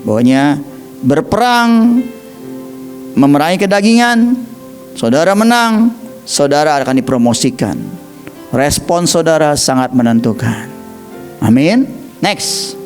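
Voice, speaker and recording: An evangelist preacher with an Indonesian accent tells stories animatedly in his sermon, acting out quoted voices and calling listeners "saudara." His voice is a little high and a little slow, with frequent pauses and faint music behind.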